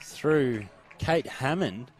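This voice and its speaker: A man's voice: mid-range voice, expressive, very slow. A man with an Australian accent doing live play-by-play commentary at an outdoor sports ground, upbeat and naming players by number.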